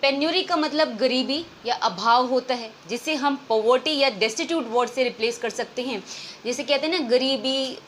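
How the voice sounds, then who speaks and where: High-voiced woman teaching vocabulary in Hindi. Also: moderate pace, a bit bright, slight background noise. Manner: explains in Hindi mixed with English, often asks and answers her own questions. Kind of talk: exam-prep vocabulary lesson.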